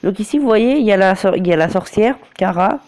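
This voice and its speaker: Suffering a cold and sore throat, a man offers loose, casual commentary on a mobile game, recorded with a phone screen recorder. His high voice is mellow and relaxed. He hesitates often, halting mid-phrase to hunt for words, restarting and correcting himself before pressing on.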